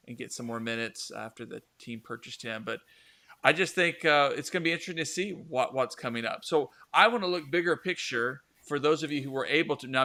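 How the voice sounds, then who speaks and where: A man's voice: mid-range voice, pushed and bright. A man hosting a casual soccer talk show, rambling with many fillers and restarts. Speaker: podcast host.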